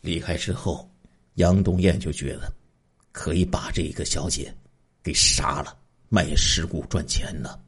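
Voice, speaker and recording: A man's voice: a bass voice, steady tone, a little slow, breathy edge. A man telling a true crime story in a casual spoken style, stretching out sentence-final particles.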